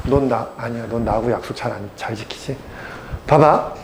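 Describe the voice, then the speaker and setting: A man's voice: medium pitch, moderate pace, noisy background. A male math teacher giving a casual, blunt lecture, teasing his students and constantly quizzing them.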